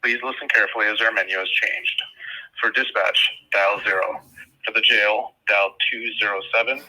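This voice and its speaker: Man's bright recorded phone menu message. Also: lowish voice, a little hiss or hum, rough recording. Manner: measured, even, formal delivery. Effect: recorded phone menu message heard over a call. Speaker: automated phone menu announcer. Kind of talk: scripted recorded announcement.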